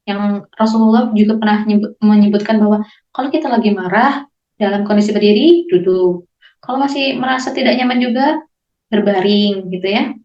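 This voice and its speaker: A young Indonesian woman giving a calm, gently instructive talk on managing emotions, with many relaxed fillers. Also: medium pitch, normal speed. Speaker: parenting speaker. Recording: echoey room, slightly dull sound.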